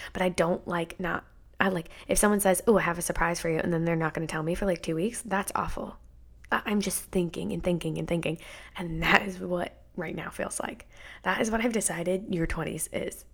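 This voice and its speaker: A woman's voice: lowish voice, vocal fry. A woman, hosting a casual solo podcast in a chatty, candid, rambling way, full of "like" fillers. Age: 20s. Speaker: podcast host.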